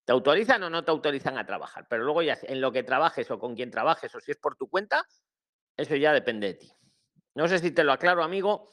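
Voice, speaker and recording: A man hosting a live online advice session, explaining in an animated, repetitive way. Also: fairly high pitch, quick pace. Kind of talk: live video call Q&A.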